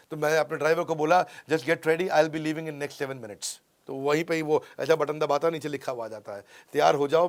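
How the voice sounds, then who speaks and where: Energetic Indian man, high-pitched teaching. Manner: energetic, emphatic, many rhetorical checks. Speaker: business coach and YouTube host. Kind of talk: motivational teaching talk.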